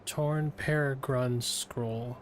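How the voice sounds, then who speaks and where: A man's voice: mid-range voice, steady tone, drawn-out words, slight background noise. A man streaming a video game live, reacting and thinking aloud as he plays. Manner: reactive, muttering thoughts aloud while playing. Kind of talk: live gameplay commentary.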